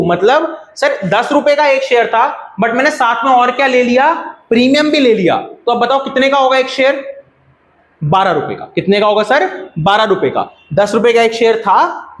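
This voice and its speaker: A man's voice: very high-pitched, a bit bright. Echoey male teacher quizzing his class. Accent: Indian. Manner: asks the class questions and repeats the answers. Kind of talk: classroom lecture.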